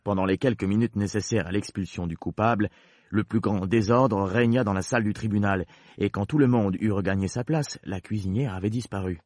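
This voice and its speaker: Male storybook narrator, deep husky voice, measured, dry booth. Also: a little mellow, no echo.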